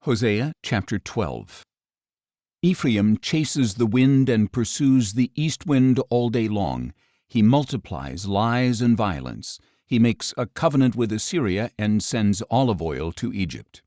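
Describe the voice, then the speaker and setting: A man narrating an audio Bible in a measured, solemn scripted reading, his lines falling at the ends. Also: on the low side, darkish tone, no echo, clean studio sound. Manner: measured, solemn delivery with falling line endings.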